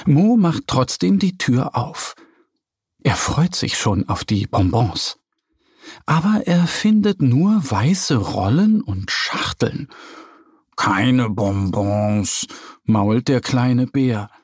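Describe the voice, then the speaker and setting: A man narrating a children's audio story in a lively, expressive reading style. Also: medium pitch, breathy edge, no room sound, studio quality.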